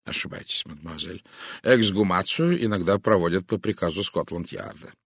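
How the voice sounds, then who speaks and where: A man reading an audiobook, voicing a polite, sly older detective who speaks softly and breathily. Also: sits low, fairly quick, dry recording, studio quality, heavily acted. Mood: courteous. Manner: soft, breathy, courteous.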